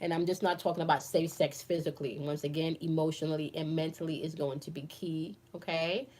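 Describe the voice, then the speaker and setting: Reading comments from viewers, this fortysomething woman runs a relaxed live chat full of playful, laughing back-and-forth. She speaks fairly quickly in a low, steady voice with a darkish tone. Chatty and playful, she laughs a lot and addresses everyone as "y'all."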